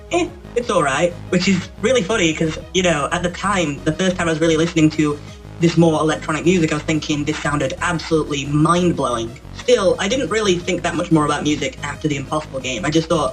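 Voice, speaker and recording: A man puts on a little guy of a mascot presenter, his voice run through a voice changer that lifts it a notch higher than usual. He chats along casually and rambles. Faint music hums underneath. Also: low-quality recording. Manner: chatty, rambling, self-correcting. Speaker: channel presenter. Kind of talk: casual talk to camera.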